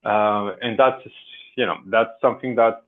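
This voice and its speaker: A man from France with a French-Portuguese accent chats casually as a podcast guest, hesitant and full of fillers. His voice is fairly low and fairly even in intonation, at a moderate pace, heard over a tinny, phone-like line.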